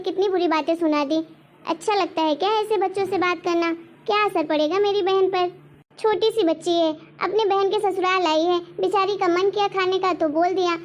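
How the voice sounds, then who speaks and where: A woman playing a patient young daughter-in-law who gently pleads with her mother-in-law and protects her little sister in a homemade family drama. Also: very high-pitched. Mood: reproachful. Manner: soft, pleading, polite. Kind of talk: homemade web-drama acting.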